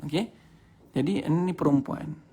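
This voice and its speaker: A man's voice: fairly high pitch, normal speed, vocal fry, dark tone, breathy edge. A man with a Malaysian Malay accent telling a religious story as a Quran teacher, chatty and mixing in English words. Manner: chatty, addresses audience as tuan-tuan dan puan.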